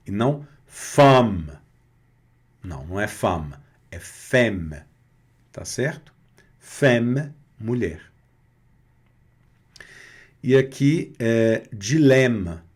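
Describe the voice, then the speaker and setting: A Brazilian man teaching French pronunciation, slowly repeating each word and checking in with short tag questions. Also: mid-range voice. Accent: Brazilian Portuguese. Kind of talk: pronunciation lesson over slides.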